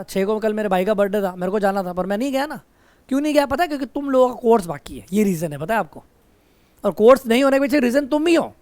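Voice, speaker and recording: High-voiced teacher teasing his class. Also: darkish tone, clear, resonant tone, no echo. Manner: teasing, scolding students between explanations. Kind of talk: classroom lecture with banter. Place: classroom with students. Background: students' chatter.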